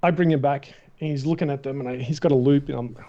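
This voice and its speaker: A middle-aged Australian man, a guest in a casual interview, telling stories in an animated way and acting out the voices of the people in them. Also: medium pitch, fast. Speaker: guest, matte painter. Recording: dull, muffled recording.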